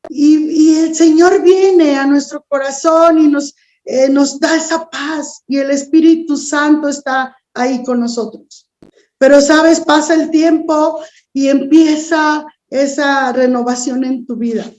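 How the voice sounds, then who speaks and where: A woman's voice: high voice, fairly even intonation, slow, darkish tone, muffled recording. A woman preaching a sermon, speaking earnestly and directly to the listener.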